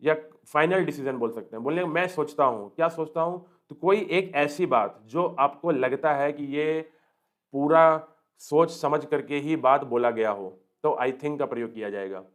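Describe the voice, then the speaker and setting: A man teaching English tenses for exam preparation, explaining in Hindi and reading English example sentences slowly, often checking with questions whether students follow. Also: on the high side. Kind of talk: exam-prep grammar lesson.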